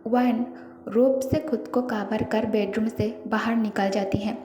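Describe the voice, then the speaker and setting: A woman's voice: fairly high pitch, a little slow. Woman narrating a story in an echoey room. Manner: steady, descriptive narration. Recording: echoey reverberant room, faint music. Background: faint background music.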